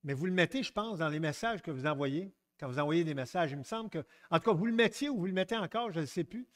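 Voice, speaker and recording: A middle-aged man with a Québécois French accent preaching a sermon, lively and joking, often stepping aside to tell stories and acting out quotes. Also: a little high, fast talker. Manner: lively, jokes and digresses, acts out quotes.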